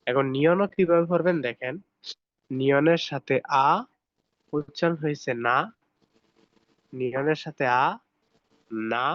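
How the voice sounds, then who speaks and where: A man's voice: fairly high pitch, measured pace, pauses often, a bit bright, dry recording, highs cut off. A man teaching a language lesson, patiently drilling pronunciation over slides. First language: Bengali.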